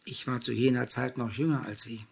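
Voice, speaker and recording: A man reading as a gravelly old bookseller. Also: mid-range voice, steady tone, a little fast. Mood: curious. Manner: polite, gently probing questions. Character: elderly male bookseller, courteous and curious.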